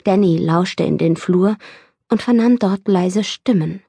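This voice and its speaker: A woman reading an audiobook in steady, measured scripted narration, recorded close in a studio. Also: on the low side, gravelly, slightly rough, dry recording. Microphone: studio microphone, close.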